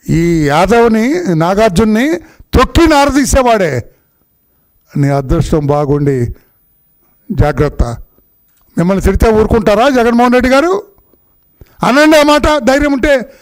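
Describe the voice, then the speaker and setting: A middle-aged man with a notably high voice delivers a heated political speech. He scolds and accuses, hammering the same phrases again and again in an indignant tone. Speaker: politician at a press conference.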